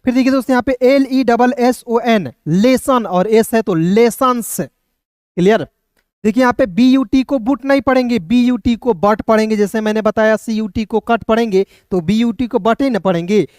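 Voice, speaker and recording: A man's voice: extremely high pitch, a little mellow, no echo. Male tutor, patient letter-by-letter explainer, dry close sound. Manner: slow, spells words letter by letter, asks "clear?". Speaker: English teacher. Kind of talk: reading lesson taught in Hindi.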